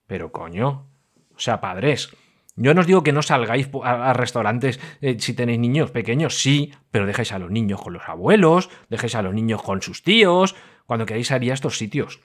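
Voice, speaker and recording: A middle-aged man hosts his podcast in a casual, venting monologue. He swings from loud, animated outbursts to low muttered asides. His voice sits at a moderate, ordinary pitch. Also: brisk. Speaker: podcast host.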